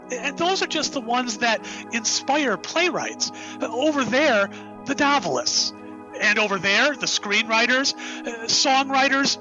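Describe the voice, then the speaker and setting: In an audio drama, an actor plays the writer who created the hero, an enthusiastic man who rambles and keeps interrupting himself. His voice is mid-range and the recording sounds muffled.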